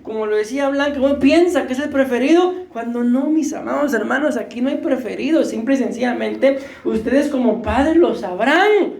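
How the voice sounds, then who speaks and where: A man's voice: extremely high pitch, lively intonation, moderate pace, creaky, few pauses, a little mellow, reverberant. A man preaching a sermon, joking and questioning his congregation, short of breath. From Costa Rica. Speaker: pastor. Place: church hall.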